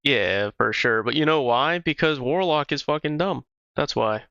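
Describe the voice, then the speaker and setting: A man's voice: medium pitch, moderate pace, creaky, bright, forceful tone, smooth, dry recording. A man livestreaming a game, chatting casually with viewers in a loose, profane way. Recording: slightly dull stream audio with music.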